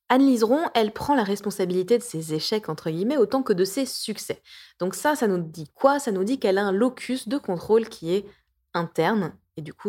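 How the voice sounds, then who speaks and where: Woman around 40 reading her blog on her podcast, jokey and self-mocking, lots of little restarts and asides, middle pitch. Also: mellow. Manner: chatty, with frequent hesitations and restarts. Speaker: podcast host, coach and therapist.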